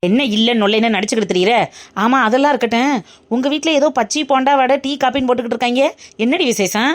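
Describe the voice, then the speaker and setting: Woman voicing a cheeky young best friend, high voice, rapid brash banter, cartoon. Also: natural voice. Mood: teasing. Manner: brash, teasing, fast banter. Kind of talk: cartoon voice acting.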